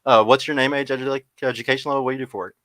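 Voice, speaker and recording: Fast-talking bright-voiced male host. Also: mid-range voice, fairly even intonation, no room sound. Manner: stammering, repeats questions. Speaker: dating show host. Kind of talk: casual podcast chat.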